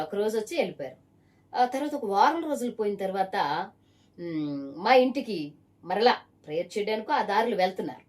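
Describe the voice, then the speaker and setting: A woman evangelist preaches her testimony at a middling pitch. She talks emphatically and presses a single listener again and again with pointed rhetorical questions. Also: a little mellow, distant mic. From Visakhapatnam area, Andhra Pradesh.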